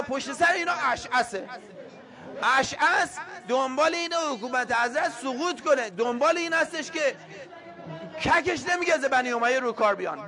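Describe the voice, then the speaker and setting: A man preaching an impassioned political sermon, fiery and scolding, rising at times to shouts. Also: very high voice.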